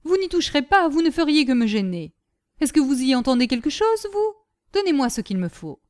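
A woman reader voicing a grumbling, quarrelsome old woman servant who scolds without pause. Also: sits high, big pitch swings, darkish tone, pitched above the performer's own voice. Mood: scolding. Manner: scolding, quarrelsome, quick retorts.

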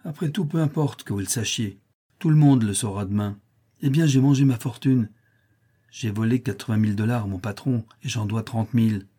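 A man's voice: mid-range voice, normal speed, warm tone, slightly rough, close to an everyday voice. A man voicing a despairing young man of about twenty-five who speaks in a bitter, weary way, in a storybook reading.

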